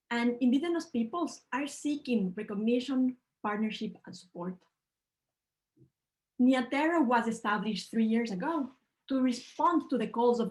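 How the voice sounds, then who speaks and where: In a roughly recorded video call, an earnest Ecuadorian woman with a fairly high voice presents during an online panel talk. Her delivery is measured, and her phrasing is slightly non-native.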